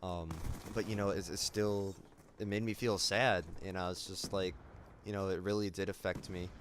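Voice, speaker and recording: Low-voiced man, subdued and halting. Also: flat delivery, a little hiss or hum. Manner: subdued, somber, halting with many fillers. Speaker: gaming YouTuber. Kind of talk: casual commentary vlog.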